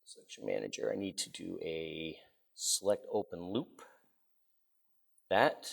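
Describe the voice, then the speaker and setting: A man with a Boston accent giving a relaxed, joking, step-by-step software demo at a conference session. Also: deep voice, unhurried, gravelly. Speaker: presenter. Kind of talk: live technical demo.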